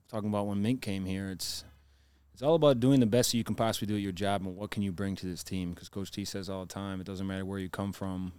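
A man's voice: low-pitched, clean tone, no echo. A man, a football player, chatting casually on a podcast and telling stories with energy. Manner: animated storytelling, laughing.

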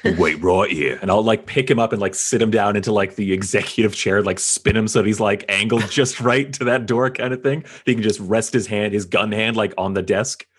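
A man's voice: on the low side, steady tone, brisk, hardly any pauses, husky. A man playing a tabletop game in character, deferential and calling the leader "sir.". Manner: deferential, says "sir" often. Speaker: player.

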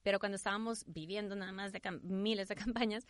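A woman answering as an interview guest, informal and animated, restarting her thoughts and acting out little quotes of herself. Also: medium pitch, fast, no room sound. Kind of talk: conversational interview.

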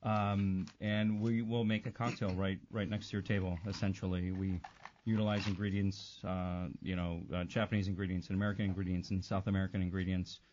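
A man who runs restaurant operations speaks as an easygoing, self-deprecating radio guest. His voice is very low. The audio is slightly dull with faint noise behind it. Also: flat delivery, brisk, a little mellow. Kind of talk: casual radio interview.

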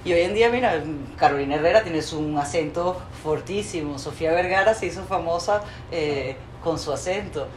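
A woman with a Venezuelan Spanish accent hosting an interview, animated and opinionated. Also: on the low side, brisk, hardly any pauses, slight background noise. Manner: animated, opinionated, colorful speech. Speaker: interview host. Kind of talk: casual interview chat. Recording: roomy with faint ambience.

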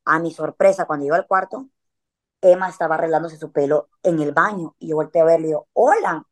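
A woman's voice: low voice, steady tone, fast talker. A woman, chatting casually as a podcast guest and telling a story in a slangy way, with frequent filler words.

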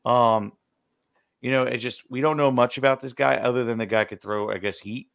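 A man co-hosts a sports podcast in a laid-back manner, ticking off his points one by one. His voice is gravelly with a lot of fry, at a middle pitch. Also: fairly even intonation, moderate pace, a bit bright. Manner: laid-back, counts off reasons. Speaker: podcast co-host. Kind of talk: casual sports podcast talk.

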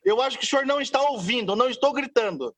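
A council chair keeps insisting on order and on getting back to the agenda. His voice sits very high for a man, and his manner stays firm and repetitive. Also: lively intonation, very fast, a loud crowd. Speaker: council president.

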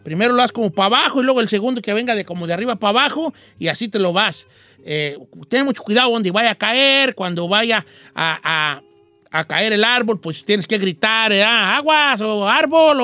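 A man doing a high, folksy old Mexican rancher. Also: animated, normal speed, bright, forceful tone, no room sound. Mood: playful. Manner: rambling, slangy, acts out voices and axe sounds. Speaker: radio show host. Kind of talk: radio joke storytelling.

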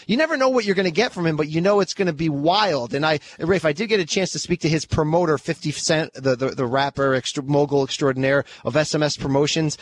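A man co-hosting a sports podcast in casual chat, an energetic analyst talking fluently with occasional restarts. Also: a little high. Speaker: podcast co-host.

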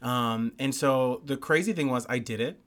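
A man in his thirties, originally from the Bahamas, sits for a casual interview in a theater basement. His voice sits in a middle register, and he talks in an animated, rambling way, peppering his story with "like" and "you know what I'm saying". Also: medium pitch, moderate pace. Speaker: guest.

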